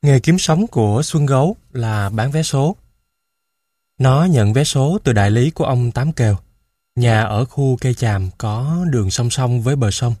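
Brief: male audiobook narrator, mid pitch, measured first-person reading, dry close-mic sound. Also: lively intonation, dark tone, no room sound.

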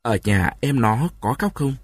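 A man's voice: mid-range voice, animated, a little slow, slightly rough, no room sound, clean studio sound. Man voicing a trembling peasant wife. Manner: trembling, hushed pleading. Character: frightened tearful peasant wife, young woman.

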